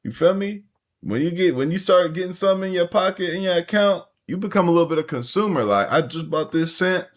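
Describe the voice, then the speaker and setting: A man's voice: sits high, quick pace. A man streaming and reacting to a video, talking in a loose, rambling, slang-heavy casual way. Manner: slangy, loose and rambling, lots of "you feel me". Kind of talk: casual chat.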